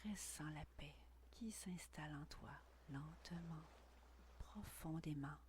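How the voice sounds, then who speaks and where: A woman whispering a guided meditation intimately, right by the ear, in a breathy, soothing, unhurried voice with long pauses. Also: sits low, darkish tone, slight background noise. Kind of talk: guided meditation, scripted narration.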